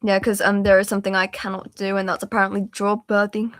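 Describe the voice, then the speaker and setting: A woman's voice: mid-range voice, little pitch movement, quick pace, fairly bright tone, dry recording, clean studio sound. A woman live-streaming while she draws on a laptop, chatting casually and narrating each step, often trailing off mid-thought. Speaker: livestreaming artist. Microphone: laptop mic.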